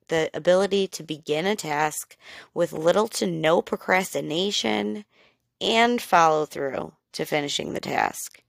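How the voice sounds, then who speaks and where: A woman's voice: deep voice, vocal fry, no echo, clean studio sound. A woman hosting a solo podcast, explaining in a chatty, candid way with filler words and the odd swear. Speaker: podcast host.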